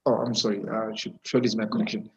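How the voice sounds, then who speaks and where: Webinar host, male, lowish voice, heard through a dull, lo-fi video call line; halting delivery with lots of "uh" and "um". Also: little pitch movement, darkish tone. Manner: halting, with many fillers and restarts. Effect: heard over an online video call with a weak connection. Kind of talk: hosting a live webinar interview.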